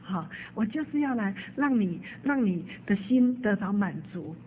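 A woman's voice: medium pitch, animated, moderate pace, slight background noise, close to an everyday voice. Woman acting a tender, praying old man. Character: older man praying devotedly at dawn. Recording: tinny phone-like sound.

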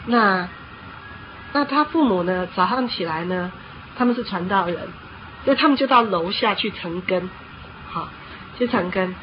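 A woman preacher giving a sermon, telling stories in an animated way and often pausing on a filler word. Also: medium pitch. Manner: animated storytelling with frequent filler "hao". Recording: dull lo-fi with faint noise.

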